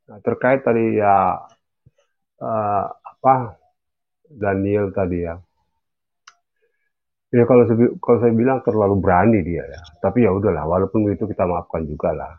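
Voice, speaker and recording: Seorang pria yang bergabung dalam diskusi daring lewat sambungan telepon, berbicara sungguh-sungguh dengan nada menasihati. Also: male voice, fairly low pitch, moderate pace, long pauses. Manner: earnest, admonishing. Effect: heard over a phone line. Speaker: caller joining an online discussion. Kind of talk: casual opinion sharing. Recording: tinny phone-line sound.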